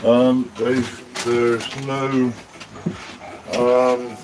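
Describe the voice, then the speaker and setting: A man's voice: medium pitch, little pitch movement, very slow, background noise. A man in easygoing, blunt casual chat over food. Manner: easygoing, blunt, says mate. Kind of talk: casual chat while eating out.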